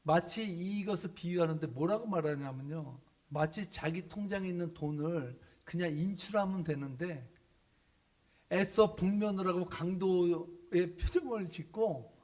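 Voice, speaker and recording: A pastor with a slightly higher male voice delivers a sermon. He moves between calm explanation and acted-out dialogue for the story's characters. He often turns to the congregation with questions. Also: a little slow. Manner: animated storytelling, acting out biblical characters' lines.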